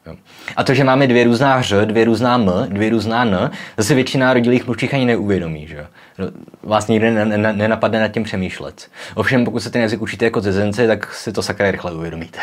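A young man hosting a casual popular-science video, explaining in a chatty way with frequent tag questions and demonstrating sounds aloud. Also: fairly low pitch. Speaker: educational video host.

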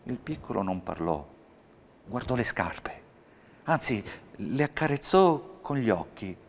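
A man reading a Christmas fairy tale aloud in a measured, expressive storytelling manner. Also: lowish voice, slight background noise.

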